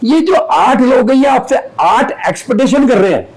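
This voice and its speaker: A man's voice: very high-pitched, animated, normal speed, a little mellow, poor audio. A man speaking as an astrologer guest on a podcast, explaining steadily with everyday examples from family and school life.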